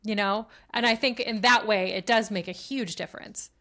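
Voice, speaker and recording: A woman's voice: medium pitch, steady tone, normal speed, sharp tone. A woman co-hosting a casual podcast, reasoning her point through earnestly. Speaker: podcast co-host.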